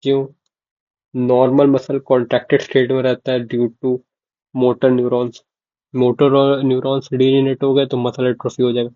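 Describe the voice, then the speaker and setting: A man's voice: mid-range voice, completely flat delivery, normal speed, dry recording. Young man, casual medical tutor, dull dry lo-fi recording. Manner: casual, asks "ok?" and repeats key terms to check understanding. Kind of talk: informal lecture explaining to students.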